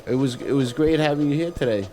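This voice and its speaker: Male radio host, rambly and effusive, trips over his words, mid pitch. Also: quick pace, warm tone, poor audio. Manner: rambling, stammering, effusive praise. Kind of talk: casual interview sign-off.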